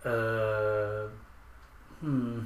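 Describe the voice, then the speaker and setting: A podcast host talks loosely about films, swearing freely as he goes. His voice sits on the low side, delivered flat and extremely slowly. The recording has a roomy echo and a faint hiss underneath.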